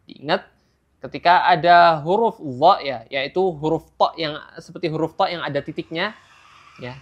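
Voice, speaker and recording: A teacher giving a patient tajwid lesson, modelling each sound slowly and tagging phrases with a steady "ya". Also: mid-range voice, highs cut off. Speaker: Quran recitation teacher.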